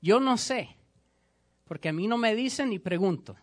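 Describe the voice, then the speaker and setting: A man's voice: sits high, animated, normal speed. A man preaching a sermon as pastor, emphatic and repetitive, speaking directly to his congregation.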